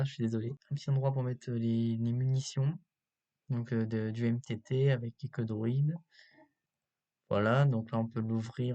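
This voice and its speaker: A man giving casual, unscripted video commentary as a host, halting often with filler sounds, recorded on a cheap built-in laptop microphone. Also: medium pitch, warm tone, lo-fi sound. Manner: hesitant, halting delivery with many filler pauses. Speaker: YouTube host reviewing toy sets.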